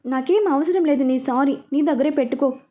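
A woman's voice: sits high, brisk, dark tone, close to an everyday voice. A woman reading a story, voicing a pouting, stubborn young woman who is hurt and angry with her fiancé. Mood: sulky.

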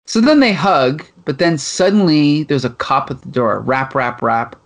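Host type: chatty man from Canada, somewhat high voice, lively retelling. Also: moderate pace. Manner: animated, reads comic lines in playful voices. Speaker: podcast co-host. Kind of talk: casual chat retelling a comic.

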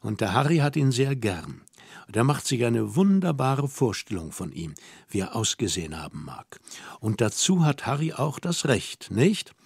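Brief: male audiobook reader, measured and expressive, mid-pitched, dry studio sound. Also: gravelly, breathy edge, no echo. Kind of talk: reading a literary novel aloud.

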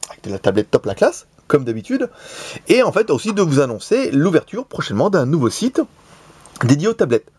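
A man from Lyon hosts a gadget review with a put-on southern French accent, chatting and joking between plenty of fillers. His pitch leaps up and down with every aside. The sound is dry and close, with no room echo. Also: husky. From Lyon, France. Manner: jokey, chatty, many fillers. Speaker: tech reviewer, show host. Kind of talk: casual product review. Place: office in Shenzhen.

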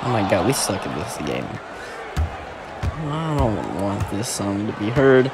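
A man's voice: fairly low pitch, big pitch swings, unhurried, vocal fry, music in the background, crowd noise. A man giving casual, frustrated commentary while playing a mobile basketball game, often swearing and exclaiming.

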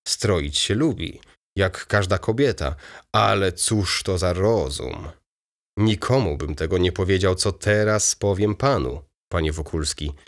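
A man reading an audiobook voices a fussy, excitable aging male baron in a raised, eager, chattering manner. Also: fairly low pitch.

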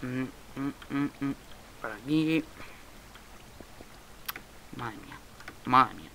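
A man's voice: mid-range voice, slow pace, vocal fry, pushed and bright, a little hiss or hum, poor audio. A young man from Spain with a Spain Spanish accent, casually commenting on his own Minecraft game, muttering and swearing at lag. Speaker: Minecraft let's player.

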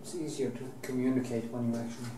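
With a Norwegian accent, a middle-aged man from Norway demonstrates painting as a teacher in an indoor studio, talking quickly in a mid-range voice with fairly even intonation. He rambles, keeps restarting sentences, and swears casually from time to time. A camera mic at a distance captures roomy, distant audio with faint background hiss.

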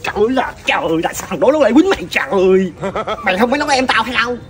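An adult playing a hot-tempered older relative who scolds a child loudly with exasperated exclamations, with a Southern Vietnamese accent. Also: mid-range voice, expressive, very fast, a loud crowd, close to an everyday voice. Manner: loud exasperated scolding, repeated sighing exclamations.

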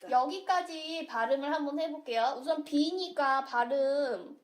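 A woman's voice: high voice, measured pace, roomy sound. A woman teaching an English lesson, patiently prompting her students to fill in the words.

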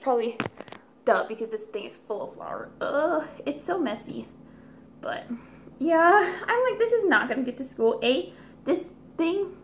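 Bubbly high-voiced vlogger girl. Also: a little hiss or hum. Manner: bubbly, chatty, whispers asides. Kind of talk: casual DIY prank vlog.

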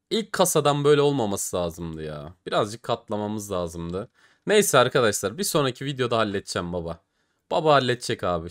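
A man with a Turkish accent doing casual, animated commentary while opening game cases, groaning and swearing at his losses. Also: on the low side. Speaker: gaming YouTuber.

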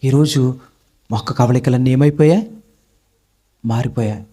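A man voicing a loving elderly father in a sermon story, speaking low and hushed with sorrow. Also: fairly even intonation, normal speed, breathy edge, natural voice. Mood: grieving.

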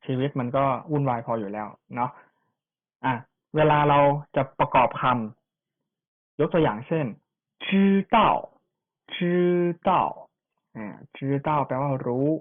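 A language teacher giving an online pronunciation lesson, repeating each syllable for students to copy, with chatty asides. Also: medium pitch. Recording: tinny phone-like sound.

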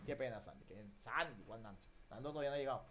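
Un profesor de inglés con acento latinoamericano en una clase en línea por videollamada, que corrige la pronunciación con entusiasmo y mezcla español e inglés. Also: male voice, medium pitch, racing. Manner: lively, drills pronunciation, mixes Spanish and English. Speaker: English teacher. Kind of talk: online class. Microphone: video call.

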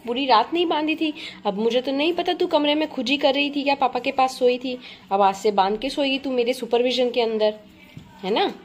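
A woman's voice: high-pitched, slight background noise. A woman vlogging at home, scolding and coaxing her pet dog in a mix of stern and baby talk. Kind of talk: casual home vlog, talking to pets.

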